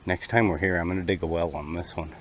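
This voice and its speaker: On an open rocky lakeshore, a man records a camping vlog on an outdoor action camera, chatting casually with his viewers. His low voice holds a steady tone at a fast pace, with faint background noise.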